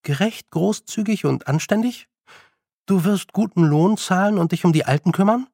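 A man voicing a young girl witch in an audiobook, raising his voice a little and speaking in a measured, stern way. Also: high voice, vocal fry, dark tone, no room sound, studio quality, pitched above the performer's own voice. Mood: firm, stern. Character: young girl witch, calm, firm and commanding. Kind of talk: audiobook character voice.

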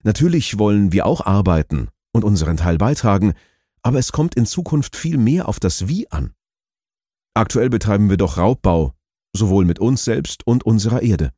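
A man narrates a documentary in a measured, explanatory voice that rises and falls in lively swings. His tone is mellow and warm, on the low side, and the recording is close and dry. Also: no echo.

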